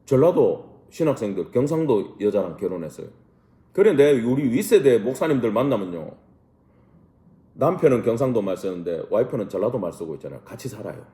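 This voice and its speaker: A man's voice: lowish voice, sing-song, a little fast, warm tone, roomy sound. A man, a pastor, teaching a Bible study class in a church room, asking rhetorical questions and mixing casual and polite speech.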